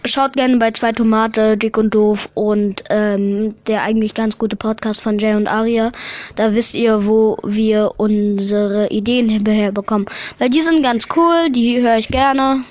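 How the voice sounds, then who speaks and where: High-voiced woman chatting casually. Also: steady tone, measured pace, darkish tone, dry recording. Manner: chatty, laughing, restarts sentences. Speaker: podcast co-host. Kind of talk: casual chat. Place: home room without sound insulation.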